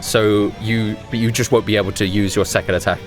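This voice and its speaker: A man's voice: lowish voice, steady tone, fairly quick, faint music behind. A man acting as game master, casually narrating and ruling on a tabletop role-playing game.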